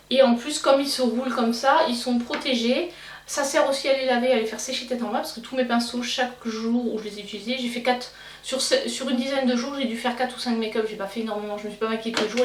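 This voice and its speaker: A young Belgian woman with a Belgian French accent, chatting casually as a beauty vlogger and pausing often with fillers and restarts. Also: on the high side. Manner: hesitant, many fillers and restarts. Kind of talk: casual chat. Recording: roomy, slightly distant mic, faint noise.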